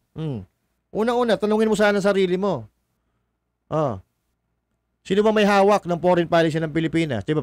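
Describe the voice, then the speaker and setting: A man's voice: on the high side, no room sound. Mocking combative man, faint crowd behind. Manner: mocking, combative, swears, laughs at own jokes; reads viewer comments aloud. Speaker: political commentary vlogger. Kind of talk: casual political commentary livestream.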